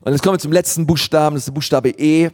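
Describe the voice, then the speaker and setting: A man's voice: on the high side, steady tone, very fast, a little mellow. A man preaching a sermon as a pastor, earnest and emphatic, repeating key phrases for weight. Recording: long hall reverb.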